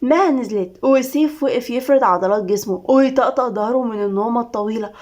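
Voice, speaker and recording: Fast-reading Egyptian woman storyteller. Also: fairly high pitch, darkish tone. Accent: Egyptian Arabic. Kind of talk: reading a serialized story aloud.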